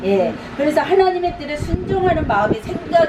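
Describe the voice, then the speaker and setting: High, lively woman pastor, echoey. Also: a little fast. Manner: repetitive, urging exhortations with light laughs. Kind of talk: conversational teaching sermon. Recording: echoey, distant, noisy room.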